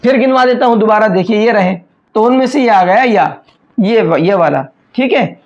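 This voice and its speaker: A man teaching a step-by-step recitation lesson. He explains each rule patiently, often checks that it is understood, and draws out slow examples. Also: high voice. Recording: dull lo-fi recording.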